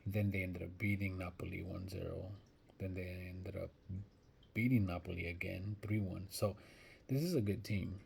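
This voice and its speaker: A man's voice: sits low, fairly even intonation, normal speed, vocal fry, a little mellow, a little hiss or hum. A man giving casual soccer betting predictions, thinking aloud and hesitant, often restarting his sentences. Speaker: sports betting vlogger.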